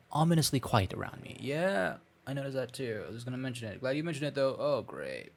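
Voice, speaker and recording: Reading through a visual novel for a game playthrough, a man with a lowish voice offers wry, self-mocking casual commentary. He has a slightly scratchy throat that he keeps clearing, and background music accompanies him.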